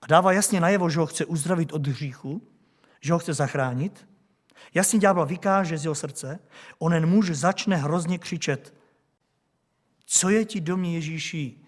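High-voiced male preacher. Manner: rhetorical questions to the congregation. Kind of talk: sermon.

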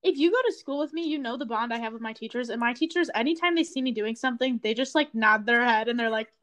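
Bubbly high-voiced teen girl podcaster. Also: fast talker, fairly bright tone. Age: teens. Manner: bubbly, chatty, earnest encouragement. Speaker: podcast co-host. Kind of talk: casual podcast chat.

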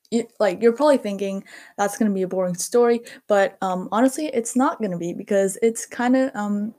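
A teenage girl from Korea hosts her first solo podcast, chatting in an unhurried way. Her voice is soft and mellow, and her talk is full of "um" and "like". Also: mid-range voice. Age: teens. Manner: chatty, lots of fillers like "um" and "like". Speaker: podcast host. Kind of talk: casual solo podcast monologue.

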